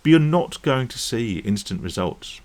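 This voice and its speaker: This man's medium-pitched voice has lively intonation, a darkish tone and normal speed. Talking casually to camera, the gambling-recovery YouTube vlogger rambles on and checks in with viewers via "right?" and "okay?".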